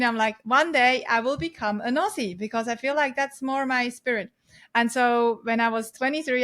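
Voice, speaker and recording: A woman in her forties with a Swiss accent, a podcast guest chatting lively about her life with frequent laughs. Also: on the high side. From Switzerland. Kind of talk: casual interview storytelling.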